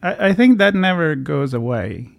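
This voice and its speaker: Over a video call, an Italian-accented podcast host conducts a conversational interview, rambling and chatty with frequent restarts and fillers. His voice is a little high, very animated and gravelly, at a moderate pace.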